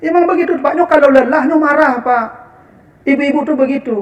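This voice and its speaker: A man with a Minangkabau accent preaching a lively, humorous sermon and speaking directly to the women in the audience. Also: very high-pitched, brisk, highs cut off. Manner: animated, humorous, addressing the women as "ibu".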